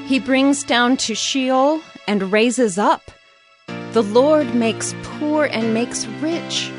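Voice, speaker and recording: An actress voices a devout, grateful mother from the Bible in a dramatized scripture reading. Her voice sits high, and she speaks solemnly and fervently at a measured pace.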